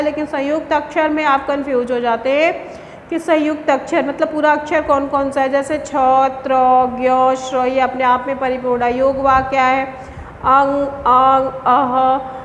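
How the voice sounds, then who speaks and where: High-voiced woman teaching in an echoey room. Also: flat delivery, moderate pace. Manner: explains patiently, repeats terms, asks and answers her own questions. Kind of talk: classroom lesson. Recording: echoey room with faint hiss.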